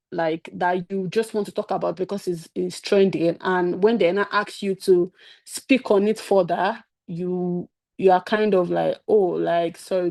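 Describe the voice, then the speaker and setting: Woman, low gravelly voice, mellow tone, dry video call sound, casual advice. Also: dry recording. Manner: chatty, informal, lots of "like" and "just". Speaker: webinar speaker and past program participant.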